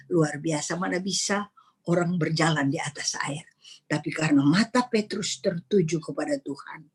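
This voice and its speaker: A woman's voice: mid-range voice, slightly rough. A middle-aged woman preaching a charismatic sermon, dramatic and repetitive, dropping to a whisper when she quotes. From Indonesia.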